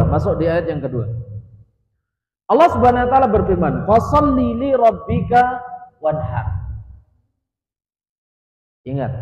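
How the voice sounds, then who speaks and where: A man teaching a mosque study class, often asking his audience questions and answering them himself, with small jokes. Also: a little high. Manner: mixes in Javanese words and light jokes. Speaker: ustadz teaching tafsir. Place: mosque hall. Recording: dull, echoey hall sound.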